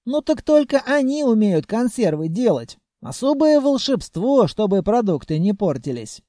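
A man's voice: sits high, sing-song, moderate pace, warm tone, dry recording, clean studio sound, voice pushed up. A man voicing a wry male companion who explains matters.

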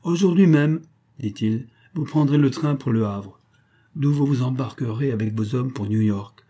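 A man's voice: mid-range voice, moderate pace, dark tone, voice pushed up, natural voice. A man voicing a cold, authoritative male billionaire who gives curt orders in a raised voice. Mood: icy, commanding.

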